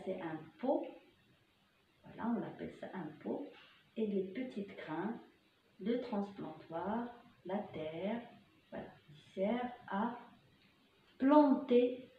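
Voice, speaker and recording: A kindergarten teacher, a woman, leading a vocabulary lesson, slowly saying single words again and again for the children to repeat. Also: mid-range voice, a little hiss or hum. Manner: slow, drawn-out repetition of single words for children to echo. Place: school classroom. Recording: echoey classroom, slightly dull sound.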